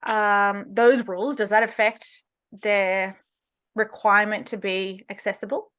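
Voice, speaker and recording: A woman's voice: medium pitch, level tone, unhurried, a bit bright. A woman hosting an interview podcast, asking questions and explaining her points emphatically. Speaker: podcast host.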